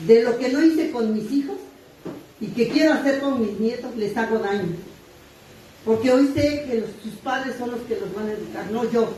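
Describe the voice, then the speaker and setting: A woman's voice: fairly high pitch, darkish tone, a little hiss or hum. Mexican woman, blunt testimony in echoey hall. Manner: blunt, earthy, self-mocking confession with crude slang. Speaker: sharer at a recovery group meeting. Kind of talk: personal testimony. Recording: echoey distant room mic.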